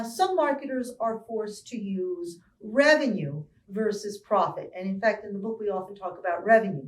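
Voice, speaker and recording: A middle-aged woman professor talks through a marketing concept in a clear, explanatory teaching manner, leaning on key words for emphasis. Her voice sits at an ordinary pitch for a woman. It carries the echo of a roomy space and sounds a little distant from the mic. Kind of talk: recorded lecture.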